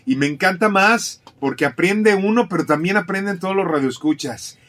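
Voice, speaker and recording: A man with a voice pitched a little above average hosts a radio talk show. He speaks as a presenter in conversation with his guest. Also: moderate pace, fairly bright tone. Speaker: radio host.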